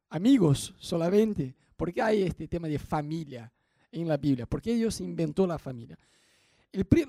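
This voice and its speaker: Man, young, Rioplatense Spanish accent, high voice, mellow, dry sound, chatty sermon. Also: no echo. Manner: conversational, asks the congregation questions. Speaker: pastor.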